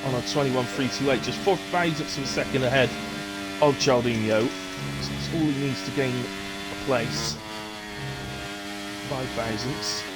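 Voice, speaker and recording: A man's voice: medium pitch, moderate pace, long pauses. Informal male racing commentator over music. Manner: informal, conversational, thinking aloud. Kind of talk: live play-by-play qualifying commentary for an online racing league.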